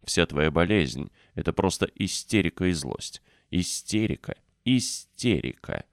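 A fiercely scolding, stubborn little girl, as a man reads her in an audiobook. The voice stays low and deep, with a dry, close sound and no room around it. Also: very animated, measured pace, gravelly, dry recording, heavily acted. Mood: furious.

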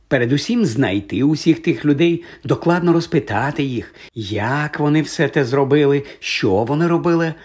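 A man's voice: fairly high pitch, breathy edge, full character voice. A man voicing a vain, flustered male celebrity wizard professor who stammers through hesitant fillers in pompous speeches.

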